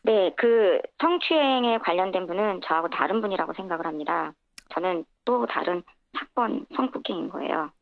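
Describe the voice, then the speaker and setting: A woman in her fifties speaks as a radio guest through a voice changer that drops her voice low and turns it gravelly. The call comes through a thin, tinny phone line with a dry sound. She talks haltingly, with many pauses and fillers. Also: animated, no echo. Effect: voice changer that lowers the voice and makes it gravelly. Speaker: interview guest on a radio news show. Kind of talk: recounting a personal experience in a radio phone interview.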